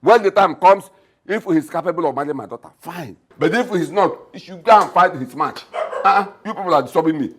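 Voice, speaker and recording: A man's voice: fairly high pitch, lively intonation, a little fast, fairly bright tone, breathy edge. An actor with a Nigerian accent playing a scoffing, bossy middle-aged father in a film drama. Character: gruff scornful middle-aged father, mocking and domineering.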